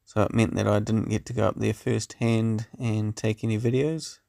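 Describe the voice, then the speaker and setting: A man with a New Zealand accent and a gravelly voice, yarning casually and dryly like a laconic backcountry bushman as he talks through his trapping. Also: on the low side, little pitch movement, normal speed, mellow, no room sound. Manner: laconic, dry-humoured outback bushman. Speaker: predator trapper and vlogger. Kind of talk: casual bush yarn to camera. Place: outdoors in the bush.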